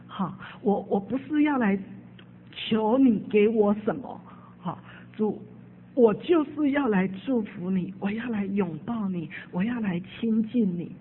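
A woman acting an older man praying quietly and tenderly, over a tinny phone-like recording. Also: mid-range voice, unhurried, slight background noise, lightly acted.

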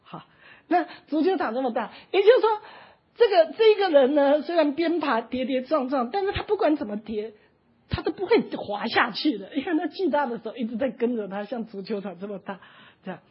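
A woman's voice: sits high, expressive, a little fast. A woman, preaching an emotional sermon, impassioned and often close to tears, dotting her sentences with little "ha" tags. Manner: impassioned, often near tears, frequent "ha" tag particles. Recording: dull lo-fi recording.

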